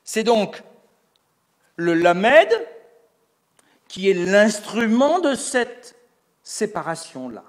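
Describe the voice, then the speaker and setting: A man's voice: sits high, very animated, extremely slow, pauses often. A man giving a lecture on religious texts, explaining step by step and posing rhetorical questions that he answers himself. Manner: explanatory, building an argument step by step. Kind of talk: recorded lecture.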